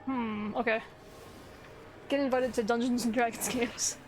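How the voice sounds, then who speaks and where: A woman's voice: on the high side, fairly even intonation, measured pace. A woman streamer chatting casually with viewers while she plays a video game. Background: faint game music.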